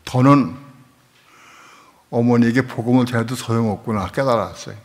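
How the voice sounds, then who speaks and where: A middle-aged male pastor delivers a sermon as a heartfelt personal story. He drops to a near hush, then builds to loud, emphatic repetition. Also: mid-range voice, moderate pace. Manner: emotional storytelling, swings from hushed to loud.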